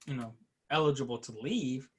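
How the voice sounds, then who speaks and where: A man co-hosting a casual show review, talking in an animated way full of "like"s. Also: medium pitch, moderate pace, husky. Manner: animated, filler-heavy with many "like"s. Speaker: podcast co-host.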